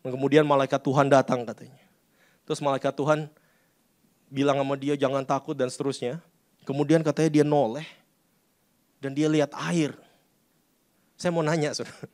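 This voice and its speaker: A man's voice: medium pitch, level tone, normal speed, pauses often, darkish tone. A man preaching a sermon, talking conversationally and often turning to the congregation. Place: church.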